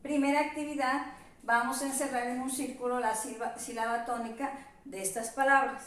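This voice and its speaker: A woman teacher giving a virtual class, spelling out examples slowly and carefully. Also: high voice, fairly even intonation, a bit bright, far from the mic. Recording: echoey room, voice off-mic.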